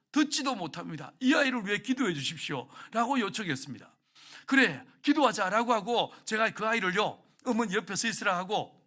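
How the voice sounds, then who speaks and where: A man's voice: sits high, bright, forceful tone. A male pastor giving a sermon, telling a story with feeling and putting questions to the congregation. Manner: emotional storytelling that acts out prayers and asks the congregation questions.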